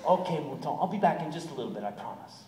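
A man voicing a calm, brave female cat who soothes her friend with steady questions. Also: fast, close to an everyday voice. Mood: reassuring. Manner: steady questioning, soothing, chants a low pouncing spell. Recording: echoey hall from far off, noisy.

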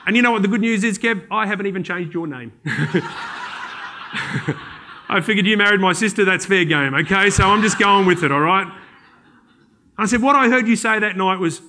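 High, bright Australian man telling stories. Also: slight background noise. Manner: animated, joking, slips into quick voices for people in his stories. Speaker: conference keynote speaker. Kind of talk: comic storytelling talk to an audience.

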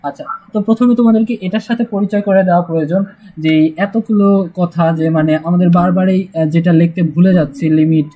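A man's voice: high voice, steady tone, quick pace, narrow, tinny audio. A man teaching a casual math lesson, chatty and joking, with frequent "uh" fillers. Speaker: math tutor.

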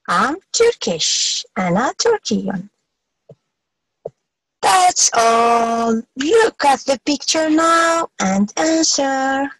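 A woman teaching an English lesson, saying each phrase slowly and clearly, repeating it, then giving the translation. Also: high-pitched, fairly bright tone, dry recording, low-quality recording. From Algeria. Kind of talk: bilingual English lesson, slow model phrases.

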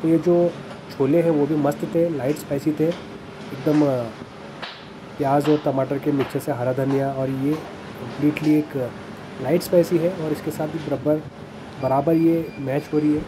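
A man's voice: a little high, fairly even intonation, moderate pace. A man narrating a casual food review in a small café, chatty and enthusiastic, with some hesitant fillers. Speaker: food vlogger. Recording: noisy café background.

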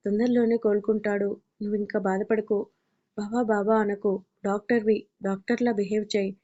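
A woman's voice: medium pitch, dark tone, natural voice. A woman voicing a young woman doctor who pleads and insists, in a slightly dull recording.

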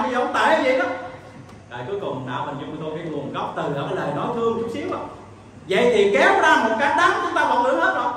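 A man's voice: sits high, a bit bright, slight background noise. A man with a Southern Vietnamese accent giving an emphatic sermon, telling a story and acting out its dialogue. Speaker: preacher. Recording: echoey hall, distant mic.

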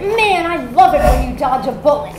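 A woman's voice: sits high, big pitch swings, brisk. An actress on stage playing a wry, harried woman who hosts children's parties. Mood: chatty. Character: harried adult woman party host, wry. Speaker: party host at a children's play space. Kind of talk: stage musical acting. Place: off-Broadway theater stage. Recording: echoey stage with audience noise.

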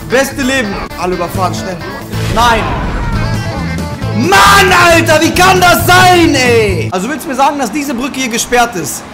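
A let's play host rants and swears at a game, often breaking into shouts. His voice is very high and swings widely. Game music is clearly heard underneath. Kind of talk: raging gameplay commentary.

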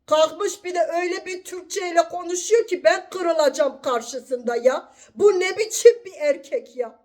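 A woman with a very high voice plays a litigant in an improvised comedy sketch. She talks slowly and bosses everyone around. She scolds them in long, indignant rants. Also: darkish tone. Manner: bossy, combative, scolding.

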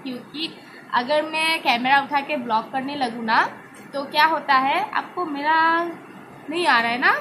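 Indoors at home with rain outside, a woman with a high voice chats casually for her mom vlog. She laughs a lot and fills her speech with fillers, over a noisy background.

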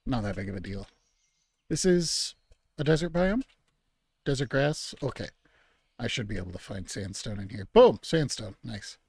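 A man's voice: medium pitch, expressive, moderate pace, long pauses, darkish tone, husky, no room sound. Chill guy rambling thru his game, talks to himself, dry close mic. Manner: mock-outraged scolding at game animals. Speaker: gaming channel host. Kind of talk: relaxed let's-play commentary.

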